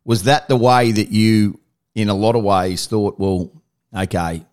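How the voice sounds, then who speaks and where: A man's voice: lowish voice, steady tone, a little slow, darkish tone. A man with a Queensland Australian accent interviewing casually, blokey in manner, with long rambling questions. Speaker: radio interviewer.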